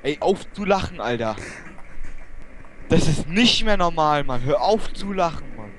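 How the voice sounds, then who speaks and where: A man raging and swearing at opponents while playing an online shooter, yelling in outbursts and muttering low in between. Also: animated, unhurried, slight background noise. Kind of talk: raging gameplay commentary.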